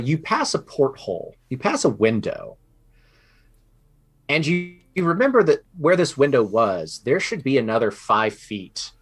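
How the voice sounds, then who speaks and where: A man running a tabletop game as game master, describing scenes in a halting way full of ums and restarts. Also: medium pitch, fairly bright tone.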